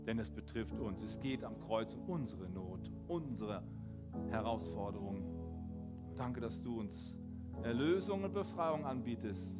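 A man preaching a sermon in German, retelling a story with animated, acted-out quotes before leading into prayer. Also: fairly low pitch, a little slow, over loud music. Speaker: pastor.

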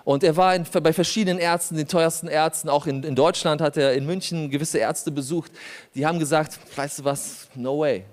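Male preacher, higher voice, animated anecdotal storytelling, laughs a lot. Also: brisk. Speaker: pastor and lawyer. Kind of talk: sermon storytelling.

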